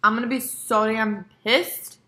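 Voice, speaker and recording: A young woman talks straight to camera at home in a loose, rambling mukbang chat, with a vivid, sharp-edged tone. She swears freely and leans hard on filler words, drifting from topic to topic. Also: a little high, fairly even intonation, a little slow. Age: young adult. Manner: rambling, profane, frequent "like". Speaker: vlogger.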